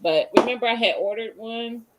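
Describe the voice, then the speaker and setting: A woman's voice: a little high, moderate pace, heavy background noise. A woman hosting a casual livestream, chatting with viewers by name and rummaging around her kitchen as she talks. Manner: chatty, greets viewers by name, searches while talking. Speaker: livestream host.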